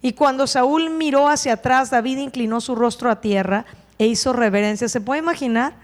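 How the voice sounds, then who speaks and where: Woman preacher, high voice, lively sermon delivery with rhetorical questions, long hall echo. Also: moderate pace. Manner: animated, asks the congregation rhetorical questions. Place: church hall.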